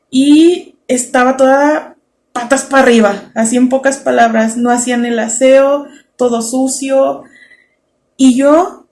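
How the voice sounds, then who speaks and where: A woman's voice: sits high, mellow. A woman in her thirties with a Mexican accent, telling a personal faith story in an earnest way and acting out her own past words. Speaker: speaker sharing a testimony.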